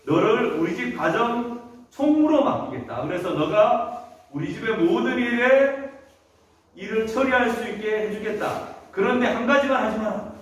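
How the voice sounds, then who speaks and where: A man's voice: sits high, lively intonation, moderate pace, voice pushed up. A man voicing a stern, wealthy master of the house who gives firm orders, in a children's Bible story. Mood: commanding. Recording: echoey church hall from a distance.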